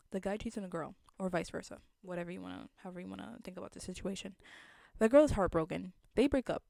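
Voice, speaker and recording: A woman's voice: on the low side, vocal fry, mellow, dry recording. A young adult woman with a slight lisp, chatting casually to viewers as a vlogger in an earnest, reflective, conversational way.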